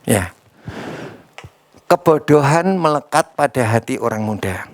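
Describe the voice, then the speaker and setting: A man preaching a sermon as pastor, quizzing the congregation and swinging between loud emphatic lines and quiet asides. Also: medium pitch, animated, a little slow, dry recording. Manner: asks the congregation questions, addressing them as brothers and sisters.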